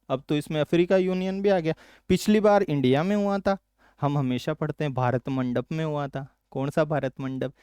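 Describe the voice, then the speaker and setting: A male teacher from Rajasthan, India, runs a current affairs exam-prep lesson, asking quick questions and then answering them lower and softer. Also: clean tone, no room sound.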